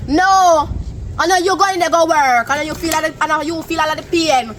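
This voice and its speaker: Woman acting brash high-voiced Jamaican tenant. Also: a little fast, a bit bright, slight background noise. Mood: indignant. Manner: confrontational, patois-heavy. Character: brash, quarrelsome female tenant who bosses everyone around. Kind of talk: improvised-sounding Jamaican comedy drama.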